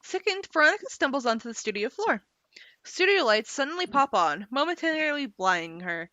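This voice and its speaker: A woman narrating stage directions in a table read of a screenplay, with quick lively asides. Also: high-pitched, dry recording, highs cut off.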